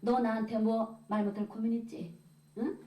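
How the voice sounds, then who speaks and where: A woman's voice: fairly high pitch, level tone, moderate pace, mellow, lightly acted. A woman playing a suspicious husband who insistently questions his wife, in a church testimony. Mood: prodding. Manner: insistent, prodding. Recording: echoey, from a distance.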